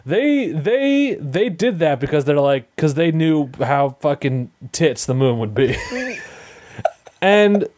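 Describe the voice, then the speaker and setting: A man co-hosting a casual podcast, animated and joking, with frequent restarts. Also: a little high, takes it slowly. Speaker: podcast co-host. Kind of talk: casual chat.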